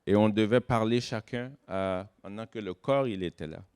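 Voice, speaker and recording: Man preaching a sermon, swings from loud stresses to hushed asides, slows on key words. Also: fairly low pitch, smooth. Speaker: guest pastor.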